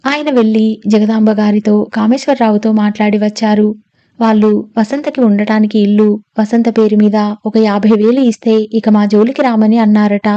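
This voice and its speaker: Lady reading as a young woman, emphatic and quick to protest, mellow voice, lo-fi sound. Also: medium pitch, fairly even intonation, lightly acted. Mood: indignant. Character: spirited young woman, impatient and indignant.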